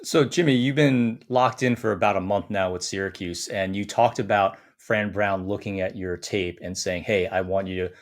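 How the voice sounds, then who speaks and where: A man's voice: deep voice, moderate pace, few pauses. A man hosting a sports podcast who asks direct, prompting questions to his guest. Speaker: show host interviewer.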